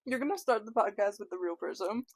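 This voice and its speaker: A young woman with a mid-pitched voice co-hosts a podcast in relaxed, casual chat. She breaks in with blunt, teasing jabs. The sound is dry and close to the mic. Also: fast, breathy edge, dry recording. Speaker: podcast co-host.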